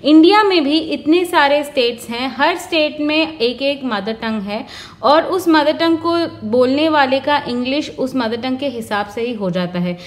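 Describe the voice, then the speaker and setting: A woman's voice: high-pitched, a little slow. A woman giving earnest, emphatic career advice, explaining interview tips and mixing English terms into her talk.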